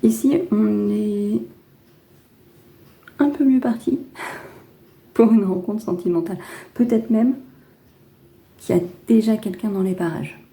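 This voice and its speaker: Dark-toned chatty French woman reading tarot. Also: mid-range voice, takes it slowly, vocal fry, pauses often. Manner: chatty, hesitant with many fillers and restarts; gentle, reassuring advice. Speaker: tarot card reader. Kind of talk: casual spoken tarot reading.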